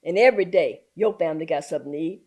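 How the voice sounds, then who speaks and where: An older woman from southern Virginia, an activist guest in an interview, telling animated stories and dropping into folksy Southern talk. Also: deep voice, rapid-fire. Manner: animated storyteller who slips into folksy Southern talk and laughs often. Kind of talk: storytelling in a conversational interview.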